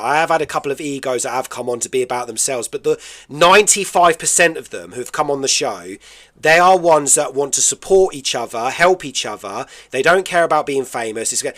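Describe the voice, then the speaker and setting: A man's voice: fairly high pitch, fairly bright tone. A British man hosting a radio interview show, chatty and enthusiastic, often laughing.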